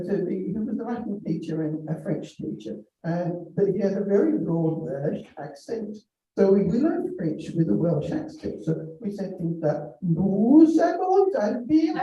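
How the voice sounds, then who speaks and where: An older man from England telling rambling standup stories about his school days, halting with many restarts. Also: on the high side, dark tone. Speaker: comedian. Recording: distant, dull, very echoey room.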